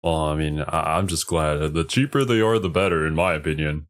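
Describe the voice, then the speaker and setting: A man's voice: rumbling low, a little fast. A man streaming casual reaction commentary, thinking aloud a little hesitantly as he goes.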